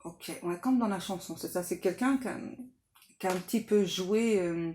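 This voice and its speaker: A woman medium giving a casual spiritual guidance reading, hesitant with many fillers and soft and reverent when praying. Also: lowish voice, moderate pace, slight background noise.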